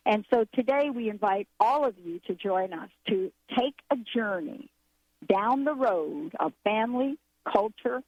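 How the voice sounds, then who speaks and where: A woman hosts a talk radio show in an easy, casual way, trailing off and circling back as she looks for the right words. Her voice sits at an ordinary middle pitch. The sound is slightly dull and lo-fi, with a dry, close feel. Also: dry recording. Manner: rambling, searching for words.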